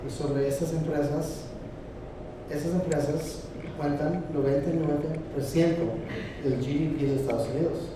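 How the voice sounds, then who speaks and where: A man from the United States with an American accent, a native English speaker giving unscripted panel remarks in halting, non-fluent Spanish. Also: on the high side, fairly even intonation. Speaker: expert panelist. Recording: very echoey hall, distant, noisy.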